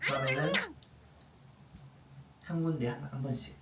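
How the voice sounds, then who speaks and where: A man's voice: medium pitch, steady tone, moderate pace, very noisy. A man working as a dog trainer, explaining indoor exercise for a puppy and calling it over with short repeated commands, recorded indoors on a distant camera mic. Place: indoors, small room. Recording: roomy sound, distant mic, music behind.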